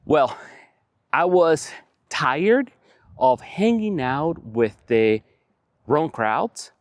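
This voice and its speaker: A man's voice: on the high side, expressive, drawn-out words, dry recording, studio quality. Earnest man in his forties. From Venezuela. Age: 40s. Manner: earnest, repeating phrases for emphasis. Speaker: vlogger. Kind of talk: motivational talk to camera. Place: outdoors on a windy evening.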